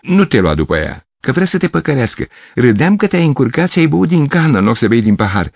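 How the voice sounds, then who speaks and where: A man's voice: mid-range voice, very animated, dry recording, voice pushed up. A man voicing a group of mocking, giggly young women in a sing-song, teasing way.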